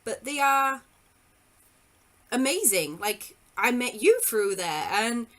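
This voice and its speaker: A woman hosting a podcast with a bright, slightly high voice. She talks informally and pokes fun at herself, keeping the chat loose and easy. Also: sing-song, slow. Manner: informal, self-deprecating. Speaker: podcast host. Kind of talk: casual chat.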